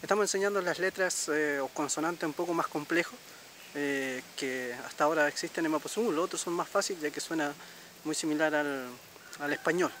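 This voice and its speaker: A man's voice: a little high, fairly bright tone, a little hiss or hum. Patient man teaching pronunciation. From Chile. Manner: patient, repeats words slowly, checks in with "¿ya?". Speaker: Mapudungun language teacher. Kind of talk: casual spoken lesson.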